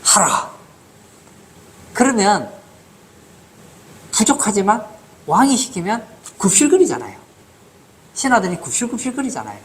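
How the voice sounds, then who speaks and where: A man's voice: fairly high pitch, very animated, moderate pace. A man preaching a sermon as pastor in a church, asking the congregation rhetorical questions.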